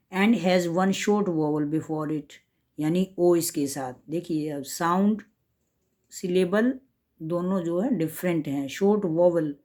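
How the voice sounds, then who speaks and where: Slow, low-voiced woman teacher. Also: warm tone. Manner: slow, careful explaining, mixing English and Hindi. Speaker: language teacher. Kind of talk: classroom grammar lesson.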